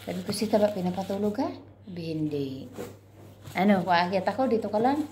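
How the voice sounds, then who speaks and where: A woman's voice: medium pitch, expressive, a little fast, a little mellow, slight background noise. A woman vlogger in a casual chat, animatedly telling a story and acting out how she scolded a child.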